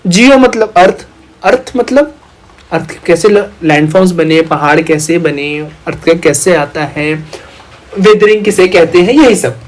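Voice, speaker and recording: A man's voice: high voice, animated, a little slow, poor audio. A young man teaching an online exam-prep lecture, talking playfully and teasing his students as their big brother.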